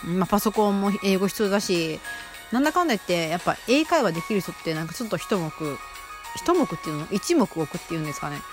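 A woman's voice: medium pitch, sing-song, fast, over music. A woman hosting her own casual solo talk show on a radio app, chatting in a rambling, self-deprecating way with many fillers. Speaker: amateur radio-app host.

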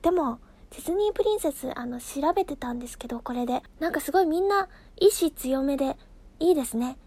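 A woman's voice: high voice, animated, quick pace, mellow. A woman hosting her own casual solo talk show, chatty and self-deprecating, with many fillers.

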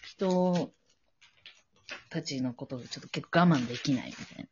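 A woman's voice: sits low, moderate pace, a little mellow, lo-fi sound, a little hiss or hum. A woman from Japan co-hosting a podcast, chatting casually and rambling as she searches for words. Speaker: podcast co-host. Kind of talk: casual chat, telling a personal worry.

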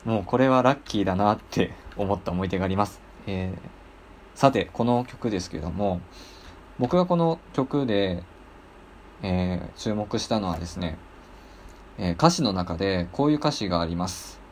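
A man's voice: deep voice, expressive, moderate pace, a little hiss or hum. A man hosting a casual talk show, speaking politely with many hesitant fillers. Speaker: podcast host.

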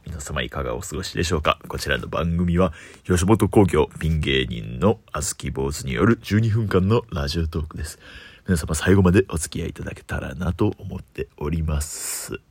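A man with a Kansai accent putting on his deepest baritone, his throat pushed to the limit, for a solo radio talk show. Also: slightly rough, no room sound, exaggerated voice. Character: man's own put-on very deep, strained baritone voice.

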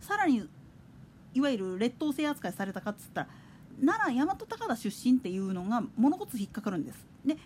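A woman's voice: fairly high pitch, very animated, a little fast, slight background noise. A woman hosting a casual solo chat radio show, talking in a chatty, digressive way. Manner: chatty, digressive, with soft laughs. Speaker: podcast host.

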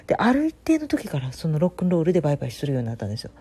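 A woman's voice: low voice, wildly swooping pitch, very fast, dark tone, breathy edge. A woman from Kobe with a Harima Kansai dialect, chatting casually and playfully to her viewers as a vlogger, rambling into asides. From Kobe, Hyogo, Japan. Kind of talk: casual solo chat to camera.

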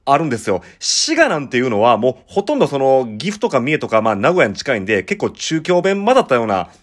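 A man's voice: mid-range voice, sing-song, fast talker. A man in his thirties from Osaka with a western Osaka Kansai accent, a podcast host chatting casually and reading out listener letters in a rambling, explanatory way. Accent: western Osaka Kansai dialect. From Osaka, Japan. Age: 30s.

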